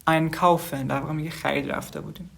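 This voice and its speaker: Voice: medium pitch, fairly even intonation, vocal fry, a bit bright. A language teacher giving a casual online lesson, reading short phrases aloud and then explaining each one at length while talking to the students as "kids". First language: Persian.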